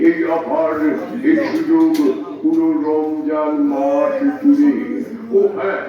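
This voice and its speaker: A man announcing a street promotion through a megaphone loudspeaker, stretching out repetitive hawker calls. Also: a little high, level tone, takes it slowly. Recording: echoey lo-fi loudspeaker from far off.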